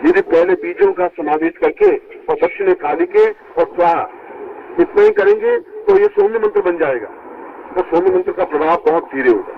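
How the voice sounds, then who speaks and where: A man teaches his disciples in an emphatic spiritual discourse, heard from an old worn tape that sounds dull and lo-fi. His voice is somewhat high and gravelly. It swings widely and leaps upward whenever he presses a point. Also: wildly swooping pitch, normal speed, slight background noise. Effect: old worn tape recording.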